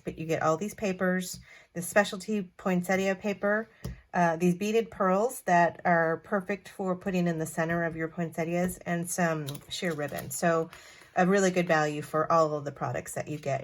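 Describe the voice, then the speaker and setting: A woman hosting a card-making tutorial, talking in a chatty, friendly way with fillers and self-corrections. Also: on the low side. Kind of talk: casual craft tutorial.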